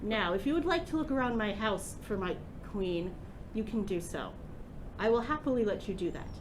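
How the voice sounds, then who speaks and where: A woman's voice: medium pitch, expressive, normal speed, noisy background, close to an everyday voice. A woman voicing a taunting, menacing old hag who poses riddles in a tabletop game. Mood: smug. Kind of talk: tabletop game role-play.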